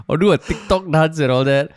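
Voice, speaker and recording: A man's voice: fairly high pitch, moderate pace. Blunt Singaporean man speaking Singlish. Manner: colloquial Singlish with local particles; blunt, emphatic, repeats phrases. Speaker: podcast co-host. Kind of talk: casual banter.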